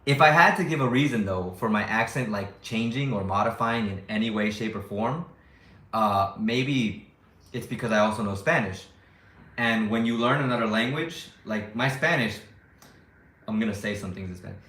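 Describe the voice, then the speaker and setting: A young man who makes YouTube videos from abroad chats casually with his viewers, rambling, doubting himself and frequently starting over mid-sentence. He speaks at a moderate pace in a lowish, somewhat bright voice, and the room sounds roomy.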